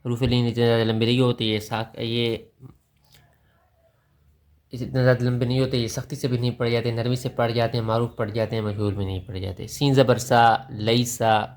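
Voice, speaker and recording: A man with a Pakistani Urdu accent teaching Quran recitation. He patiently spells out each letter with its vowel mark, then slowly chants the verse. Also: medium pitch, level tone.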